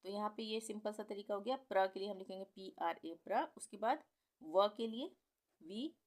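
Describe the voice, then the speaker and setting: A woman teaching the alphabet in a slow, patient way, spelling out sounds and repeating each one. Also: mid-range voice. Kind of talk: Hindi alphabet lesson at a board.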